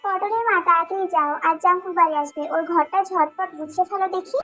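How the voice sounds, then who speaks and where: A woman's voice: very high-pitched, fairly even intonation, fast, pushed and bright, soft background music. A woman voicing a bossy middle-aged mother who scolds and gives orders, in a dubbed fan drama.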